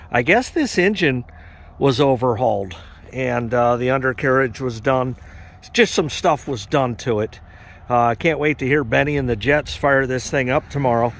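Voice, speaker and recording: A man strolls an outdoor auction lot, chatting loosely about each machine with plenty of ums and asides. His voice sits in a middling register, and a little wind hiss from outdoors comes through the camera mic. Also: mid-range voice. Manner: relaxed, rambling, uses fillers. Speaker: farm equipment vlogger. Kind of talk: casual walk-around commentary.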